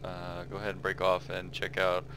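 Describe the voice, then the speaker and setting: A man's voice: low voice, completely flat delivery, moderate pace, noisy background. A man acting as radio operator in a military simulation game, mixing procedural calls with casual chat, his phrasing somewhat hesitant.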